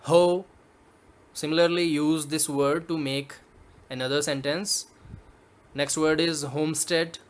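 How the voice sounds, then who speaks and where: A male teacher from Punjab in India walks students through a poem at a slow, careful pace. His voice sits a little higher than most men's, and he explains each point step by step in a classroom manner. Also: steady tone.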